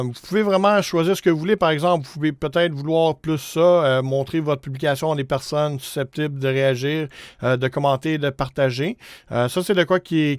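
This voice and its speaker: A man's voice: a little high, smooth, no room sound, clean studio sound. A man in his thirties with a Quebec French accent, hosting a casual screen-share tutorial in an informal, hesitant way with English words mixed in. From Canada. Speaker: music promotion tutorial host.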